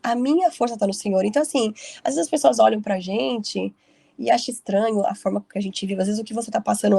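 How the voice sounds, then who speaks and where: Woman leading bible study, gravelly mellow voice, chatty storyteller. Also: mid-range voice, dry recording. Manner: chatty storytelling with frequent "né" tags. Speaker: Bible study group leader. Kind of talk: casual group Bible study talk.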